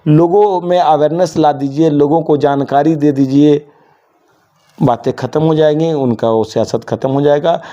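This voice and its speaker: Middle-aged guy from bihar, earnest interview answers, kinda high voice, pushy and rousing. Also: fairly even intonation, normal speed, dark tone, highs cut off. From Bihar, India. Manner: emphatic, exhorting, slips into Urdu vocabulary. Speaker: interview guest, journalist and committee secretary.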